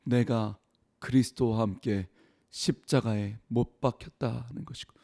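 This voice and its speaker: A man's voice: medium pitch, steady tone, a little slow, creaky, dark tone. A middle-aged man, a pastor, giving a radio sermon column, preaching with rising fervent emphasis.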